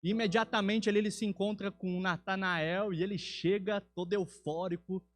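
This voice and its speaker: A man's voice: high voice, fairly even intonation, moderate pace. A man with a Brazilian Portuguese accent preaching a sermon in a church, earnest and rising to emphatic peaks.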